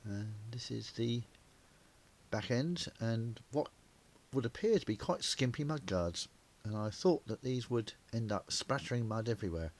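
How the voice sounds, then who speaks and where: An older man, his voice croaky and sore-throated, narrates a casual walkaround of a motorcycle for his vlog from an indoor garage. He's animated yet measured and gentle, with a medium pitch and plenty of pauses and fillers.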